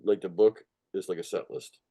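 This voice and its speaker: He has a deep, warm voice, fairly even in intonation and delivered at normal speed. As a musician, songwriter and record producer being interviewed, he rambles casually through anecdotes, swearing emphatically and regularly checking the listener with "you know" and "right".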